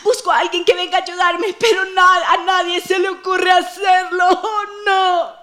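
A woman's voice: very high-pitched, little pitch movement, moderate pace, a bit bright, pitched above the performer's own voice. A woman voicing a distraught young male king who cries out and pleads in despair, with theatrical sobbing. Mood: anguished pleading.

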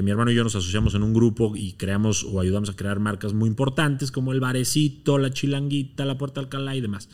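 A man, a podcast guest, telling a story from his own life at an ordinary pitch. He speaks in a relaxed, slangy, conversational way, acting out what people said. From Mexico.

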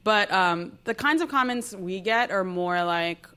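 A woman's voice: medium pitch, expressive, measured pace, bright, forceful tone, clear, resonant tone. A woman podcaster chatting casually on a panel in an informal, giggly way. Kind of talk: casual chat.

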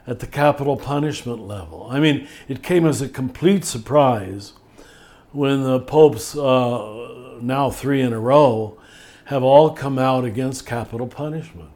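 An older man speaking as a spiritual teacher in a podcast conversation, thoughtful and measured, slowing down to stress key words. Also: medium pitch, darkish tone.

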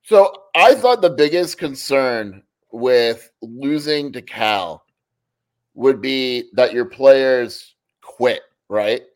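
A man's voice: mid-range voice, lively intonation, very slow. A man co-hosting a sports podcast in casual chat, pressing his opinions and leaning on "like" as he argues. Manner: opinionated, argues points with repeated "like". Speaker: podcast co-host.

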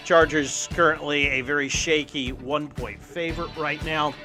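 A man's voice: on the high side, fairly even intonation, normal speed, over music. A man hosting a sports show, talking and reading ads energetically in punchy, emphatic short phrases. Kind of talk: energetic sports talk and ad read.

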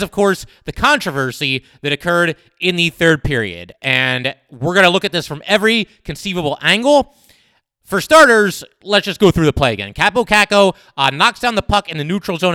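Young male podcaster, solo analysis, emphatic with fillers, smooth and slightly high voice. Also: dry recording, studio quality. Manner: animated, emphatic, many fillers. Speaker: sports podcast host.

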